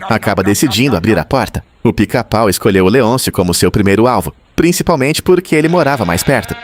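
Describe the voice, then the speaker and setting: This Brazilian host narrates a horror tale to his viewers, his voice fairly low. He tells the story at a steady, everyday pace.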